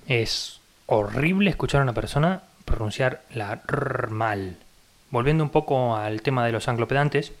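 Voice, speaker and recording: A man with a mid-pitched voice delivers a solo podcast monologue. He talks bluntly and with exacting standards, a critic on a rant, and slows down to spell out pronunciations with care. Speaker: podcast host.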